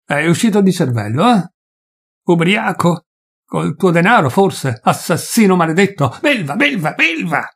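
A man voicing a desperate poor peasant who rages and pleads, his husky voice pushed high. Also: very animated, moderate pace. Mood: furious. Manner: shouting, raw and pleading.

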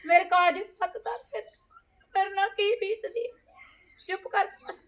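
A grieving middle-aged mother, played by a woman, keeps soothing with repeated hushing words. Her voice is high and sounds a little distant from the mic. Faint noise sits behind her. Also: steady tone, normal speed, reverberant. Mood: consoling. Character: grieving mother consoling her son's widow.

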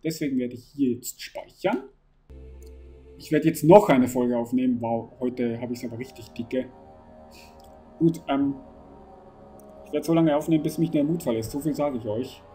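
An excitable man talks his way through a horror game, urging his character on and cursing under pressure. His voice sits at an ordinary middle pitch. Faint game music plays underneath. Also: normal speed, pauses often. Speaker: gaming channel host. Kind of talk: horror game let's play commentary.

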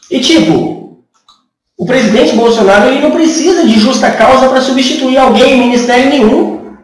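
A man's voice: extremely high pitch, far from the mic. A man in his thirties with a Brazilian Portuguese accent, giving a rhetorical, sarcastic political opinion monologue to camera in a small room. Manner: rhetorical, sarcastic, asks many questions. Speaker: channel host. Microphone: camera from a few feet away. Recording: echoey room, voice a bit off-mic.

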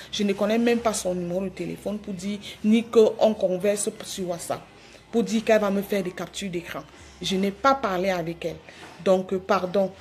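Speaking with a medium-pitched, somewhat mellow voice, a woman apologizes to her followers on a phone live stream. She pleads with them, repeating herself and restarting hesitantly.

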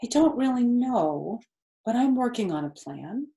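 Woman reading as Charlotte, a calm motherly spider. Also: fairly high pitch, a little slow, pitched above the performer's own voice. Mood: collected. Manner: cool, collected, gently instructive. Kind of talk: read-aloud children's storybook. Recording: roomy, echoey indoor sound.

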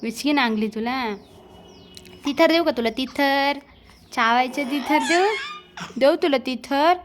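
High-voiced young mom in baby talk. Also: female voice, a little slow. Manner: coaxing, sing-song, imitating baby speech. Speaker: mother. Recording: clear background noise.

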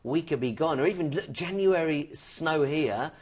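A man's voice: normal speed, husky. A man hosts a televised travel sales show with salesy enthusiasm. He talks up deals eagerly, lifting his voice on the best prices. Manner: upbeat, salesy, pitch rises when excited. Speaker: TV shopping host.

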